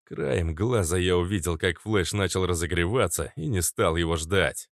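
A man narrating an adventure audiobook in the first person, steady and even, on a close studio mic. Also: low voice, normal speed, no echo.

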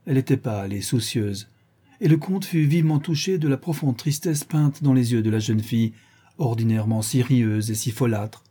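Male narrator, measured audiobook reading, dark husky voice. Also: medium pitch.

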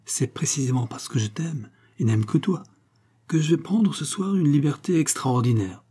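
A man reading aloud plays a calm, calculating young nobleman who speaks with guarded coolness. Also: a little high, normal speed, husky, voice pushed up. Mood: cool. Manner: calm, guarded, quietly scheming.

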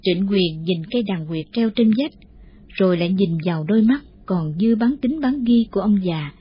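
A woman narrating an audiobook in a calm, steady manner. Her voice is husky at a mid pitch. The audio is dull and lo-fi. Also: normal speed. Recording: muffled lo-fi audio.

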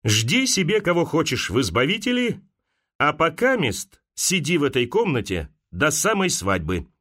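Domineering old general, gruff, slow, threatening, man doing the voice. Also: on the high side, wildly swooping pitch, fairly bright tone, exaggerated voice. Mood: stern.

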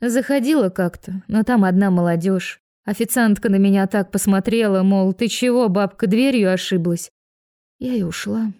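A woman's voice: medium pitch, moderate pace, few pauses, mellow, lightly acted. A woman voicing a flustered, kindly grandmother who talks in a fussy, apologetic way. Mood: wistful.

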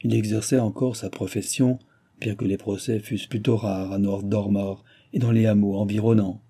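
A man reading a novel aloud as narrator, in a measured, even delivery. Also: lowish voice, husky. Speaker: audiobook narrator.

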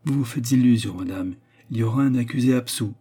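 A man reading aloud as a sly, calm abbé who speaks in a measured, cool way. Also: mid-range voice, husky, lightly acted. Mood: cautioning. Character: sly, calm male abbé, coolly probing.

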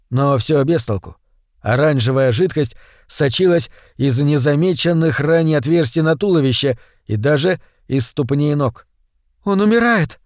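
A man narrating a science fiction audiobook in a steady, even storytelling manner. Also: a little high, dry recording, studio quality. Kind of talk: scripted narration.

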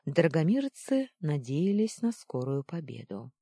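An audiobook narrator reading a children's fantasy story with expressive, lively storytelling. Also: mid-range voice, measured pace, dry recording, clean studio sound.

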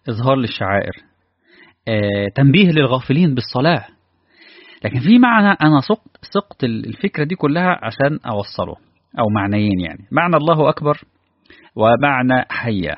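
A man with an Egyptian accent preaching a sermon, animated and asking his listeners rhetorical questions. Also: medium pitch, quick pace, no echo. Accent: Egyptian Arabic. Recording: dull, lo-fi dry recording.

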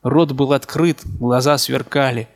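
A man narrating a literary novel as an audiobook in a calm, measured way, with a gravelly voice. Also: medium pitch.

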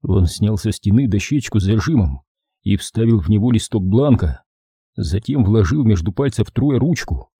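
A man reading an audiobook as narrator, in a steady, measured voice. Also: on the low side, husky, dry recording, clean studio sound. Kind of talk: scripted narration.

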